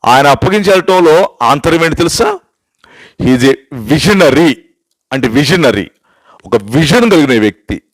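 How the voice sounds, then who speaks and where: An older male pastor speaks with a slightly high pitch. He tells stories in an emphatic sermon style and keeps asking his listeners rhetorical questions. He slips English phrases in to drive his points home, and the sound is dry and close with no room echo. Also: expressive, unhurried, pauses often. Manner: storytelling with repeated rhetorical questions.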